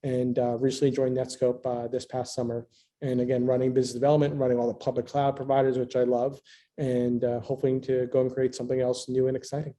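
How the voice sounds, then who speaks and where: A man's voice: medium pitch, completely flat delivery, quick pace, warm tone. A man from Philadelphia on the US East Coast, a business development executive, talking through his career on a panel in an upbeat, driven way. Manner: upbeat, self-described type A. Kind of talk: panel interview answers.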